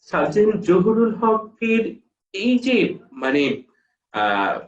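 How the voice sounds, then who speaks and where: A male teacher giving a lecture on a poem, speaking with a Bangladeshi Bengali accent and pausing often on long "ah" fillers. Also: high-pitched, big pitch swings. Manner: slow, halting, with frequent drawn-out "ah" pauses; reads quoted letters aloud. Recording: echoey room, far mic, dull lo-fi sound.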